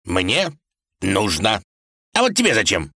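Fairy-tale tsar, old, stubborn and grumbling, slow drawn-out lines, read by a man. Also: lowish voice, wildly swooping pitch, gravelly, pushed and bright, no echo, clean studio sound, full character voice.

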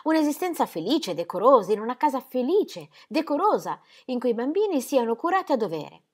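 A woman's voice: high-pitched, very animated, fairly quick, a little mellow, voice pushed up. A woman reading the part of an anxious young pastor's wife who pleads and repeats herself breathlessly. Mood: pleading.

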